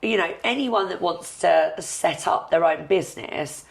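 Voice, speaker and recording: A woman hosting a podcast in casual chat, her voice husky and croaky from flu, self-mocking and quick to laugh. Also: lowish voice. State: hoarse from flu. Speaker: podcast host.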